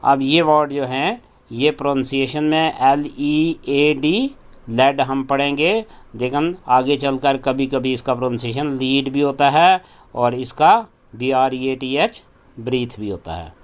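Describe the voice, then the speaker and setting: A man's voice: medium pitch, unhurried. A male teacher leading a phonics drill, spelling out each word letter by letter and then saying it.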